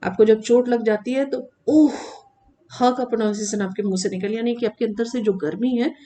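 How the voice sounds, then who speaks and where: A woman teacher explaining letters in a classroom lesson, asking the children questions and answering them herself, drawing sounds out slowly to demonstrate them. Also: a little high, fairly even intonation, mellow, slight background noise. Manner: slow, drawn-out demonstration of sounds; addresses children, asks and answers own questions. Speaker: Sanskrit teacher.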